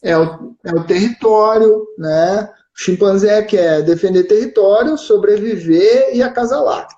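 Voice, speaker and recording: A man's voice: sits high, measured pace, warm tone. Gaúcho man explaining in a roomy stream. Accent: southern Brazilian (gaúcho). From southern Brazil. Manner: explains patiently with frequent "né?" and "certo?" check-ins. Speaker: live-stream co-host. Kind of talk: explanatory casual chat. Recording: roomy, dull live-stream audio.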